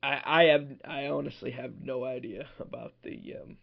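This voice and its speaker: A man's voice: mid-range voice, fairly even intonation, normal speed, creaky, a crowd in the background. A man co-hosting a podcast in casual chat, agreeing often with a string of "right, right". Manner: agreeable, frequent "right, right" affirmations. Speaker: podcast co-host. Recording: dull lo-fi audio.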